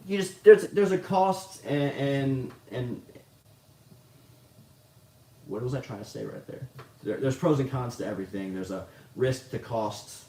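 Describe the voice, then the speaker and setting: A man's voice: medium pitch, lively intonation, a little slow, pauses often, mellow. A man hosting a casual livestream, answering chat questions in a rambling, profane, self-mocking way. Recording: roomy, distant mic, faint noise.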